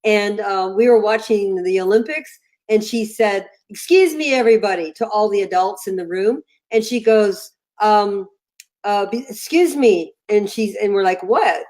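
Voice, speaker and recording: A woman's voice: medium pitch, unhurried. An older woman, a company founder, chatting as an interview guest over a video call and acting out the voices in her anecdotes. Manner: animated storyteller, acts out voices in anecdotes. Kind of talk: casual interview chat.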